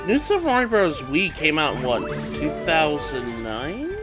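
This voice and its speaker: A man's voice: a little high, sing-song, moderate pace, over loud music. A man co-commentating a let's play, teasing and bantering with the others. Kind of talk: casual game commentary.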